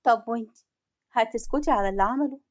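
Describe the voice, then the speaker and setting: A persuasive, scheming woman colleague in an audio story, sure of herself and pushing hard, as a woman narrator puts her on. Her Egyptian accent carries a fairly high, insistent voice. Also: fast, dry recording, close to an everyday voice. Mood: sympathetic. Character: scheming female coworker, confident and persuasive.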